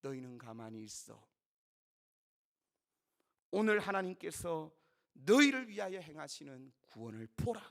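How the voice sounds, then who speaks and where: A man voicing a commanding male prophet who shouts his proclamation to a crowd of his people. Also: high-pitched, very animated, moderate pace, creaky, exaggerated voice. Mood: proclaiming.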